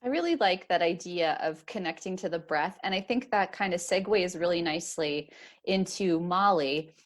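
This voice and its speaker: Woman, host, lower voice, moderating and summarizing, relaxed chat. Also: moderate pace. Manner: warm moderator, asks and sums up. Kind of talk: casual panel chat.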